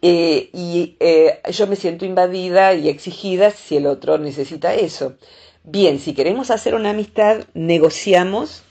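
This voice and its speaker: A woman with a Rioplatense Spanish accent, a psychologist explaining relationships in a thoughtful way, pausing often to gather her thoughts. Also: lowish voice, dark tone. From Argentina. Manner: thoughtful, explaining with frequent hesitations.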